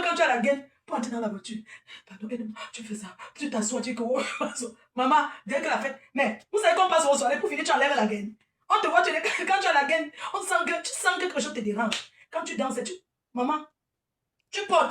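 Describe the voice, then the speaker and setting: A woman delivers a scolding livestream rant in a high voice. She often breaks into laughing asides. The sound is roomy and echoey, with the speaker sitting some way back from the mic. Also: a bit bright. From Cameroon. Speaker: event organizer. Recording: echoey room, distant from mic.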